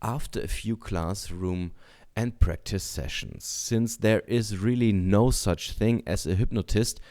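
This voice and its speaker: A man reading a book aloud in a deliberate, measured way, adding short comments as a teacher. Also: lowish voice, darkish tone. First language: German.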